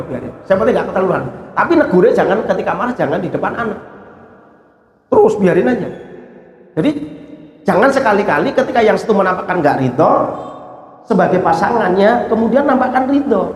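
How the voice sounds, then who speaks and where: A man with a Javanese accent, teaching a sermon and reading a classical Arabic text, then explaining it word by word and acting out scolding parents in quick asides. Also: sits high, expressive, roomy sound, in a large hall. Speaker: Islamic teacher.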